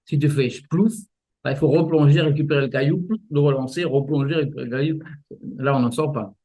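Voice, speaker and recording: Male martial arts teacher, halting, vivid examples, guest interview. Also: fairly high pitch, steady tone, darkish tone. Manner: halting, many restarts, explains with images. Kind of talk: casual explanatory interview.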